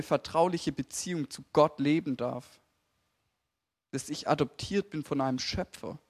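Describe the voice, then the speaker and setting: A young man preaching a sermon, lively and emphatic, speaking directly to the congregation. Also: a little high.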